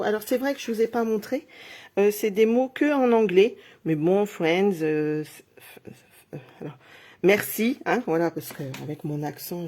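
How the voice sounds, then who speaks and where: A middle-aged woman talks viewers through a craft project live, narrating each step as she works. Her voice is warm and mellow with a slightly husky, breathy edge. She speaks in a chatty, encouraging way, addressing her audience directly. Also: mid-range voice. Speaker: craft demonstrator.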